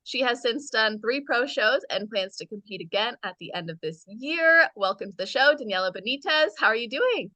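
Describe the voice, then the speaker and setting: A woman's voice: a little high, animated, normal speed, hardly any pauses, sharp tone, no echo. Upbeat woman podcast host, dry sound. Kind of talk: podcast interview.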